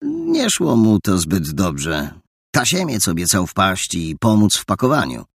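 A man reading a story aloud in an expressive, lively storytelling manner. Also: sits low, measured pace, vocal fry, breathy edge, dry recording, clean studio sound. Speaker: narrator. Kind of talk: audiobook narration.

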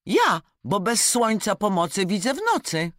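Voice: mid-range voice, lively intonation, normal speed, a bit bright, no room sound, studio quality, voice pushed up, natural voice. A reader voicing a proud, dismissive owl in a spoken fable. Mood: haughty. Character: haughty owl scorning all other birds.

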